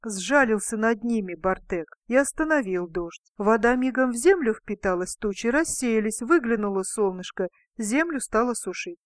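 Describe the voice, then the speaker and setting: A woman reading a fairy tale aloud, giving the characters lively, shouted voices. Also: on the high side, moderate pace, hardly any pauses, no echo, clean studio sound. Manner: expressive, shouts the king's lines. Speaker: storyteller.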